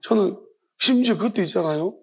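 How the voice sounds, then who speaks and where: A man preaches as pastor at a Friday worship service in a high, expressive, fairly quick voice that is fairly bright and slightly rough. His sermon is conversational and impassioned, with questions put to the congregation and frequent restarted sentences.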